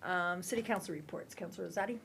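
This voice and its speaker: A woman's voice: lowish voice, fast, creaky, fairly bright tone, a little hiss or hum. A woman chairing a city council meeting, opening lightly and joking as she calls on each councilor.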